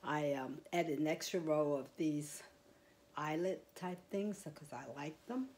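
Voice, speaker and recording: A woman's voice: deep voice, a little slow, a little mellow. A woman vlogging at home, chatting about her crochet in a rambling, casual way. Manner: rambling, chatty, with fillers and small laughs. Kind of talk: casual show-and-tell. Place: quiet home, indoors. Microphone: clip-on mic.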